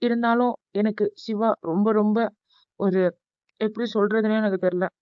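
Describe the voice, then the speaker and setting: A woman's voice: mid-range voice, fairly even intonation, moderate pace, clear, resonant tone, dry recording, close to an everyday voice. Lady doing a sly middle-aged cartoon aunt, begging and guilt-tripping, dry dull audio. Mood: pleading. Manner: pleading and emotionally pushy. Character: scheming middle-aged aunt, sweet to your face. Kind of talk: cartoon voice acting.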